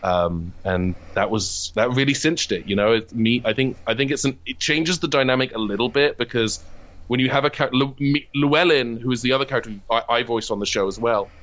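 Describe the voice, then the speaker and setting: A man with a mid-range, fairly bright voice talks a little fast as a guest in a conversational interview. He's a comedy writer and voice actor, reflecting on his work at length and often restarting his phrases with false starts.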